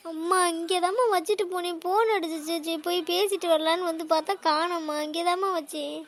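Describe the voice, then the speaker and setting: A woman's voice: very high voice, fairly even intonation, a little fast. A woman voicing a fretful young daughter in a comedy cartoon, talking in a whiny, pleading way. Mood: panicked. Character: fretful young daughter who lost her chain.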